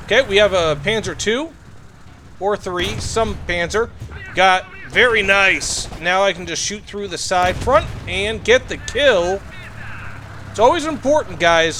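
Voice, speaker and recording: A high, bright-voiced man narrates his own tank battle, his voice jumping around as he reacts. He talks casually to viewers, hands out tips and fills the gaps with lots of uhs. Faint background noise sits under his voice. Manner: excited, chatty, lots of fillers. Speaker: gaming commentator. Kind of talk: gameplay commentary with tips.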